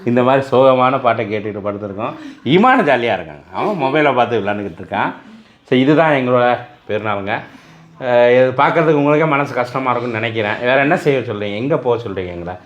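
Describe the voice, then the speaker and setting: A man's voice: medium pitch, expressive, quick pace, lo-fi sound. A man hosting a casual family vlog, talking glumly straight to his viewers. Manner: glum, talks straight to viewers, sings a sad song a few times. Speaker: family vlogger.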